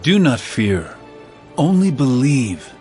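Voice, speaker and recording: Jesus, slow, commanding, expressive. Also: male voice, medium pitch, faint music behind. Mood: gentle, solemn. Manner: solemn, authoritative, measured. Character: Jesus, commanding, compassionate male healer and teacher.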